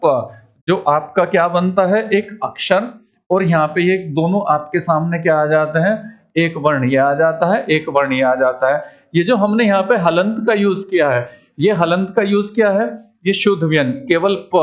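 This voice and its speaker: A man teaching a Hindi class who explains step by step and asks questions that he answers himself. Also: a little high. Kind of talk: classroom lesson. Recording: dull lo-fi recording.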